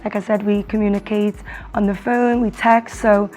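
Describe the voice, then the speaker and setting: A young woman, a singer answering interview questions in a relaxed, friendly way. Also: mid-range voice, normal speed. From born in Ghana, raised in England. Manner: relaxed and friendly, with light laughs.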